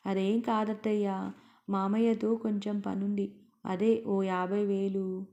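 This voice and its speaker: A woman voicing a hurried, sheepish young nephew who has come asking for money in a storybook reading. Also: medium pitch, little pitch movement, warm tone, lo-fi sound.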